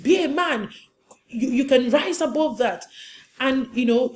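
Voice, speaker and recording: An earnest woman counselor teaches about marriage, driving her points home with repeated questions. Her voice sits on the higher side, and a faint hum runs underneath. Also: darkish tone. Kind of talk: teaching talk to camera.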